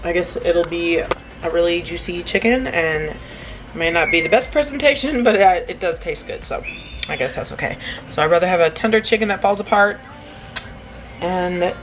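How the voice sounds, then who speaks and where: Tired, chatty young mom, low voice. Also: female voice, lively intonation, brisk. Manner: chatty, rambling, self-deprecating with soft laughs. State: tired, yawning. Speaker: vlogger, single mom. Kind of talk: casual vlog narration. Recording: music playing underneath.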